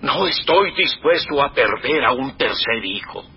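A man's voice: medium pitch, big pitch swings, a little slow, vocal fry, highs cut off, a little hiss or hum. An actor playing a grieving, stubborn, devout old father in a Spanish biblical drama, solemn in manner. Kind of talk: Spanish-language dubbed biblical drama acting.

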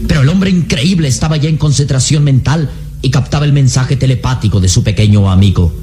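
A man narrating an adventure serial as a solemn storyteller, with measured, scripted dramatic delivery. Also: medium pitch, music in the background, lightly acted. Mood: solemn, suspenseful.

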